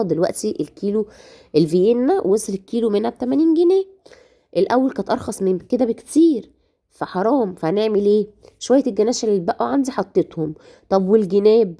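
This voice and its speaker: A woman with an Egyptian Arabic accent, hoarse and nursing a cough, chatting directly to her viewers through a cake decorating tutorial. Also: medium pitch, dark tone. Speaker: home baker.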